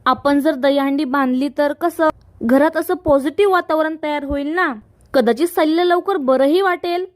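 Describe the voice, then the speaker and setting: A woman's voice: high-pitched, moderate pace, no room sound, natural voice. A woman voicing a scheming young woman who coaxes her family and plots in secret. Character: scheming young woman, sweet outside, spiteful inside.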